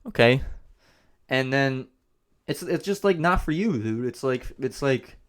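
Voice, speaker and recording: A man's voice: mid-range voice, animated, a little slow. A man hosting a business vlog, talking casually to camera and repeating himself as he rambles. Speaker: host of a business channel.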